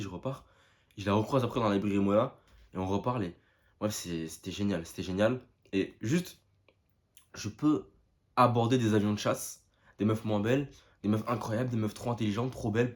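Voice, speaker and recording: A young man telling a story to his viewers in a casual vlog, excited and full of slang, often calling out to "the guys". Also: on the low side. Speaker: vlogger.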